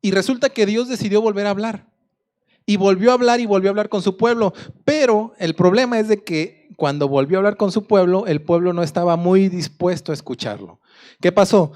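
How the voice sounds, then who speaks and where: A man's voice: high-pitched, a little fast, a little mellow. Mexican man preaching conversationally. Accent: Mexican Spanish. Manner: conversational storytelling, asks the audience questions. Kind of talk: sermon.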